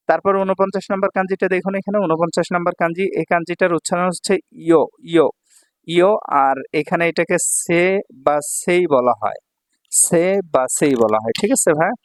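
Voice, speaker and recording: A man from Bangladesh explains kanji patiently, saying key words twice and checking in with his students. His voice sits a little high for a man. The sound is dry and close, with no room around it. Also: dry recording. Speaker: Japanese language teacher. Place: Dhaka language center.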